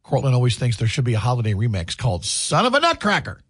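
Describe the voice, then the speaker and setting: Lively, husky-voiced male radio host. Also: medium pitch, quick pace, dry recording, clean studio sound. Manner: playful, jokey, lively. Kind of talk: morning radio banter. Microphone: studio microphone.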